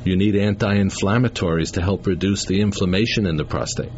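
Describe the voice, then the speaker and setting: A man hosting a radio show, talking in a halting way with many fillers and restarts, taped off the radio. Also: deep voice, a little mellow, faint music behind. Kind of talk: casual on-air talk with a caller. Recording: lo-fi radio tape with faint hiss.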